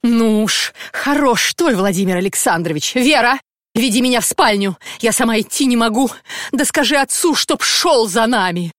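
A woman voicing a furious middle-aged landowner's wife who scolds her husband in a raised, shrill voice. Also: expressive, normal speed, no room sound, clean studio sound, close to an everyday voice. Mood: imperious. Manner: scolding, shrieking.

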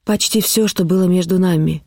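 A desperate, defiant young woman confessing in an audiobook, as a male reader puts her on. The voice is a little high and dark in tone, recorded close and dry. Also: fairly even intonation, brisk, no room sound. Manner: urgent, confessional.

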